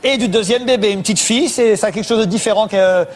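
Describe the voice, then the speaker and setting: High-voiced male talk-show host. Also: fast talker.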